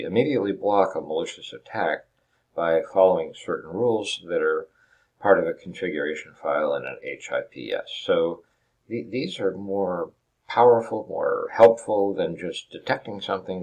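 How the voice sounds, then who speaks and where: A man with a very low, deep voice delivers a recorded lecture over slides. He explains each term step by step, restarts his sentences often and poses rhetorical questions to his students. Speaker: instructor.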